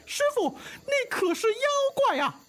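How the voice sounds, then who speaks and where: A man voicing excitable disciples in an old tale, switching between worried muttering and pleading, with faint music. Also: very high voice, normal speed, voice pushed up. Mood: urgent. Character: pilgrim disciples of a monk, pig and monkey, excitable.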